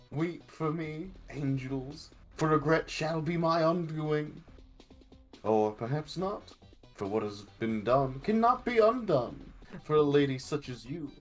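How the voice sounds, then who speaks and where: A man's voice: on the high side, voice pushed up. A man voicing a dashing, lovestruck young rogue thief in flowery, mock-archaic, melodramatic speech during improvised role-play.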